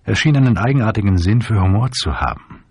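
A man narrating an audiobook in a measured storytelling manner. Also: lowish voice, lively intonation, a little mellow, slightly rough, no echo, studio quality.

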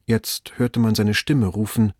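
A man narrating a story aloud in an expressive reading style. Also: lowish voice, measured pace, breathy edge, no echo, studio quality. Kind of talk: audiobook reading.

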